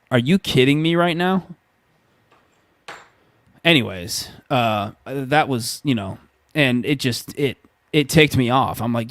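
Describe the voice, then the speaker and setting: A man's voice: mid-range voice, no room sound, studio quality. A man in his thirties co-hosting a casual podcast, telling stories with acted-out quotes and frequent laughs. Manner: animated storyteller, acts out quotes, laughs often. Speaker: podcast co-host. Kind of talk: casual chat.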